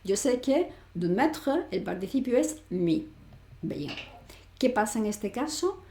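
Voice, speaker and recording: A woman's voice: on the high side, sing-song, slow, warm tone. A woman teaching French grammar online, explaining step by step and asking rhetorical questions she answers herself. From Spain. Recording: echoey room.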